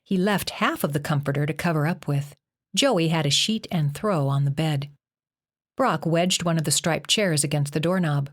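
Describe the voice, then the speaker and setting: A woman reading a psychological horror novel aloud as an audiobook narrator, steady and even. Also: sits low, moderate pace. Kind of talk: scripted narration.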